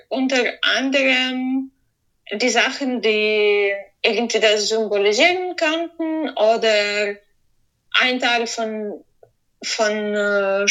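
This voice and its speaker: A fairly high-voiced woman speaks slowly in an interview. She searches for her words and leaves many hesitant pauses. She speaks as a composer explaining her work. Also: a bit bright, poor audio. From Ukraine. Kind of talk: interview answers.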